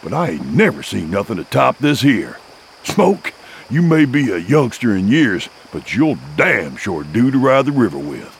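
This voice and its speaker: A man's voice: mid-range voice, sing-song, normal speed, vocal fry, slight background noise. A man voicing a grizzled old mountain man with folksy, profane frontier speech in an audiobook. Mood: amazed. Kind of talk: audiobook character voice.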